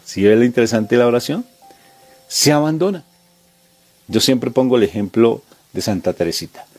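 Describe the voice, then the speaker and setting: A man's voice: medium pitch, moderate pace. A man preaching a sermon, emphatic and full of repeated rhetorical questions.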